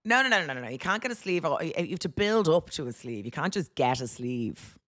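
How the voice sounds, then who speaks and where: A woman in her forties chats on a podcast, her voice sitting a little low and swooping all over the place as she jokes and swears. She talks through a headset from a room far from home. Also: fairly quick. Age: 40s. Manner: animated, swearing, jokey. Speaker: podcast co-host. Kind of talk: casual chat. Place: hotel room, joining remotely.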